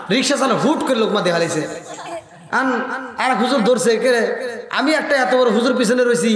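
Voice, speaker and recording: High-voiced preacher chanting a sermon. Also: male voice. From Bangladesh. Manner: breaks into chanted, sung passages and drawn-out shouts; calls on the crowd to respond aloud. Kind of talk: Bengali waz sermon. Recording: echoing PA sound with long reverb and a loud crowd.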